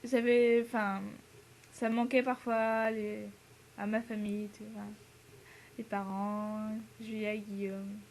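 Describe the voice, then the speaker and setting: A woman's voice: mid-range voice, little pitch movement, takes it slowly, a little mellow, slight background noise. A teenage girl from France, an exchange student, chatting casually to the camera with lots of fillers, laughs and English words mixed in. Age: teens.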